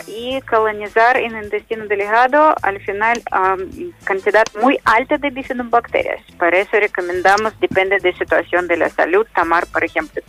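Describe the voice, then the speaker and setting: A woman with a Russian accent explains conversationally in halting, non-native Spanish, often dropping small words. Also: mid-range voice, a bit bright, poor audio. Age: adult mother. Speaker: health product entrepreneur, interview guest.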